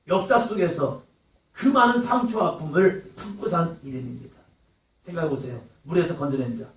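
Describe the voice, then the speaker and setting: A man preaching a sermon in a church, dramatic, swinging between loud outbursts and hushed lines and acting out quoted voices. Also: a little high. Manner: acts out taunting quotes in character. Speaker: pastor. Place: church hall. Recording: echoey hall, mic at a distance.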